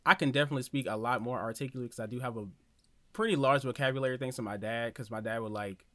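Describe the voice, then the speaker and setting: A man's voice: mid-range voice, fast, fairly bright tone, no echo. A man chatting loosely as a podcast guest, slangy and full of fillers. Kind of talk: casual podcast chat.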